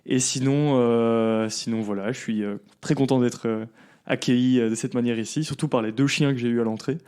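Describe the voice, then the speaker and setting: A man, a company founder chatting casually as a podcast guest, relaxed and full of fillers. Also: mid-range voice, fairly quick, clean tone. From southern Belgium. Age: 20s. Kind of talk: casual interview chat.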